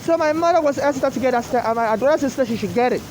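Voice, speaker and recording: High-pitched aggrieved woman on a noisy street. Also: darkish tone. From Africa. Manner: repetitive, halting and restarting, aggrieved. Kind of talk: rambling personal vlog monologue. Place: outdoors on a city street in the rain. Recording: noisy outdoor street with traffic.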